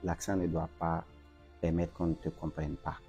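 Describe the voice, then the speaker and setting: A man from Africa, a banker, calmly giving advice as an interview guest. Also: deep voice, normal speed, creaky, highs cut off, faint music behind. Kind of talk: casual interview conversation.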